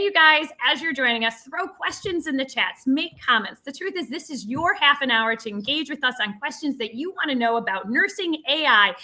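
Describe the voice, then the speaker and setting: A woman's voice: fairly high pitch, bright, forceful tone. A woman hosting a livestream, opening it with an upbeat, welcoming introduction of her guest. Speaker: host.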